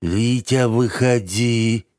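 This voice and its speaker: A man voicing a slimy, gurgling mud villain who draws out his words and shouts. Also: mid-range voice, dry recording, clean studio sound, pitched above the performer's own voice. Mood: menacing whiny. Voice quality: gurgling, drawn-out.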